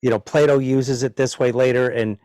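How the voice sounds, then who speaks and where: A man's voice: medium pitch, fairly even intonation, normal speed, darkish tone, no room sound. Rambling, self-deprecating man with a dry sound. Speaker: seminar participant. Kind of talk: casual discussion. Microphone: video call.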